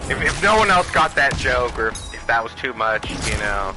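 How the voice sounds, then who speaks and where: A man's voice: medium pitch, very animated, normal speed. A man ranting casually and profanely while streaming a video game. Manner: profane, rambling, heated. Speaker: gaming streamer. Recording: music playing clearly behind the voice.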